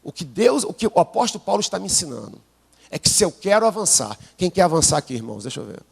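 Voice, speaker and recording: A Brazilian pastor with a gravelly, husky voice, preaching live while unwell. His pitch leaps around, dropping to murmured asides and climbing to shouted peaks. He keeps prompting the congregation to answer, and long hall reverb surrounds every line. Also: big pitch swings, fast. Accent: Brazilian Portuguese. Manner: call-and-response preaching, prompting the congregation to repeat; swings from low asides to shouted climaxes. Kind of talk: sermon. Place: church sanctuary.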